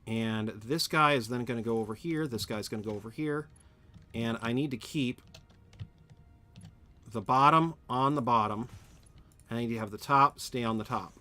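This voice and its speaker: In a casual live stream of a factory-building game, a man with a medium-pitched, sharp-toned voice rambles while he builds and chats with his viewers.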